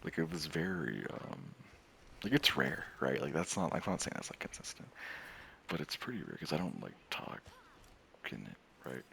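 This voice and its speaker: Very deep gravelly man, rambling chat. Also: sing-song, normal speed, slight background noise. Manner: rambling, many fillers, laughs often, drops to soft near-whispers. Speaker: streamer and gamer. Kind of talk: casual rambling monologue.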